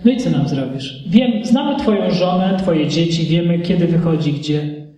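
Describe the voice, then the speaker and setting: Man doing threatening young thugs, low and menacing, roomy echo, far from the mic. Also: normal speed, mellow, close to an everyday voice. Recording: echoey hall from far off.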